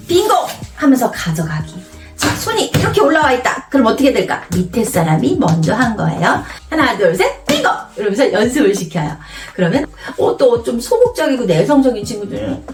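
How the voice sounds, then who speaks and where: A woman teacher demonstrating a memory card game in a playful, classroom-style way. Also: a little high. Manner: animated, playful teacher voice with exaggerated storytelling. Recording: roomy, a bit distant from the mic, faint music.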